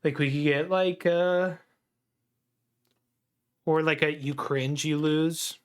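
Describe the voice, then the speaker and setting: Young man, fairly high-pitched, laid-back, lots of "like" and "dude", casual stream chat. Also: fairly even intonation, slow pace, smooth. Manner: laid-back, says "like" and "dude" a lot, grumbling opinions.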